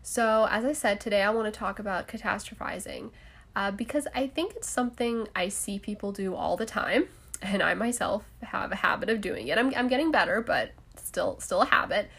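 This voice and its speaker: Young woman, solo podcast host, casual chatty talk, laughs and fillers, mid-pitched voice. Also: expressive, normal speed, creaky, a bit bright, husky.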